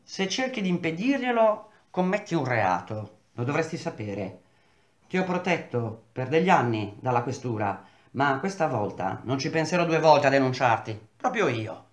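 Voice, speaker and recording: A man's voice: mid-range voice, very animated, moderate pace, echoey room, lightly acted. A man reading aloud and voicing a furious, brusque engineer boss who threatens his workers in a peremptory tone. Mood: angry.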